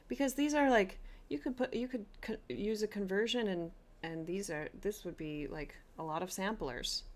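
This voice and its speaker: A woman's voice: mid-range voice, a little mellow. A woman hosting a craft vlog, chatting eagerly and gushing as she shows a haul, often restarting her sentences. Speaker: flosstube host. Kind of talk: casual chat showing a haul.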